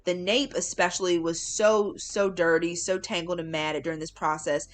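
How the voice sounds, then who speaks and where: Chatty woman with a slightly low voice. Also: steady tone, normal speed. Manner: chatty and informal, with emphatic repeated words. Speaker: hair care vlogger. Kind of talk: casual tutorial voiceover.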